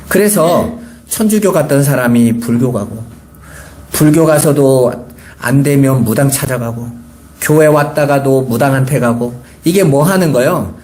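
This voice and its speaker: A pastor in his forties preaching a Sunday sermon, asking rhetorical questions and rising to emphatic points. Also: high-pitched.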